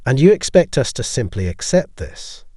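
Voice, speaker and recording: A man's voice: medium pitch, very animated, normal speed, mellow, no room sound, clean studio sound. A man reading the lines of an indignant, scaled male alien councillor in an audio story. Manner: indignant, blustering.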